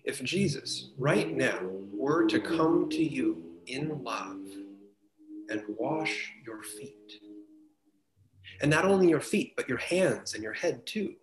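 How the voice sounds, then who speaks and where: Male pastor, gentle sermon delivery, unhurried, reverberant room. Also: medium pitch, animated. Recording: roomy church with faint noise.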